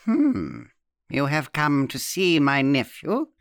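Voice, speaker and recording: A man voicing a sour, half-blind old woman in an audiobook. She croaks her lines at a slow, dragging pace, a little higher than his own voice. The recording is dry and close. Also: very animated, a bit bright, dry recording, full character voice.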